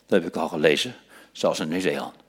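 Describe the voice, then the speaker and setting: A man preaching a sermon, dropping to hushed whispers and rising to loud, emphatic passages, slowing down to stress key phrases. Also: rumbling low, breathy edge. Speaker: pastor.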